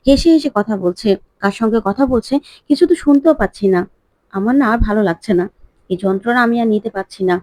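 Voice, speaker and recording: A woman's voice: a little high, fast, a little mellow, no room sound, lightly acted. A woman reading a jealous, brooding husband. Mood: agitated.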